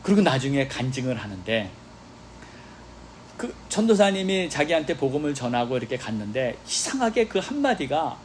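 A man's voice: mid-range voice, moderate pace, slight background noise. A male pastor preaching a sermon, telling stories with quoted dialogue and calling for responses from the congregation. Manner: animated storytelling preacher with exclamations and quoted dialogue. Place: church sanctuary.

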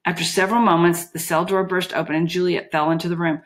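Lower-voiced woman reading a novel aloud. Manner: steady, measured, occasional slips. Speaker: audiobook narrator. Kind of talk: storybook narration.

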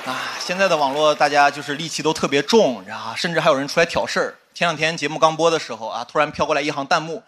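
A man's voice: a little high, racing, hardly any pauses. A man doing a stand-up set on a studio stage, chatty and confiding, often asking the crowd "you know?". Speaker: stand-up comedian. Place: studio stage with live audience. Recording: loud audience laughter and noise.

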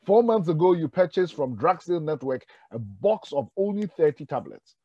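A man voicing a calm, polite, all-knowing artificial intelligence that takes pizza orders in a joke. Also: fairly high pitch, normal speed, breathy edge, dry recording, lo-fi sound.

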